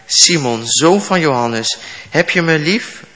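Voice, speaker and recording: A man reads Jesus as a calm, gentle teacher, unhurried and earnest. The tone is bright and clear. A long reverb trails each phrase, as in a large hall. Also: a little high, exaggerated voice.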